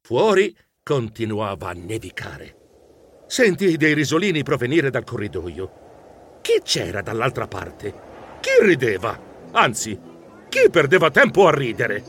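A man narrating a children's story in the first person, animated and expressive, with grumbly asides. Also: medium pitch. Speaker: audiobook narrator.

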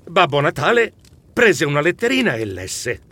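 A man narrating a children's story with lively expression, squeaking when excited. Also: moderate pace, husky. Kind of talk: animated audiobook narration.

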